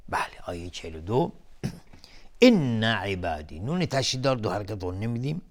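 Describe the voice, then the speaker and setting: A man teaching Quran recitation rules on television. He talks in a measured way, naming each rule term by term, and chants the verses slowly at a raised pitch. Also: big pitch swings. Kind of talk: televised tajweed lesson. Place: TV studio.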